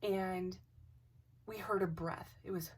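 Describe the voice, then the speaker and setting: Speaking to camera, a craft channel host tells a personal ghost story casually and with animation, acting out the dialogue and sometimes dropping to a whisper. Her voice is lowish and slightly rough, and sounds a bit distant from the mic.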